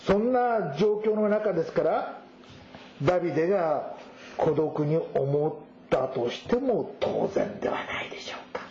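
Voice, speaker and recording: A man with a high voice preaches a sermon, reading scripture aloud and then explaining it. The sound is roomy and slightly dull. A faint ambience sits behind him. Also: animated, unhurried, mellow, slight background noise. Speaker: pastor.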